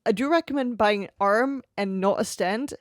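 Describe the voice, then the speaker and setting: Speaking at normal speed in a medium pitch, a woman streamer gives a casual, easygoing review of her gear and laughs often. The dry recording comes from a close XLR studio mic on an arm at her home desk.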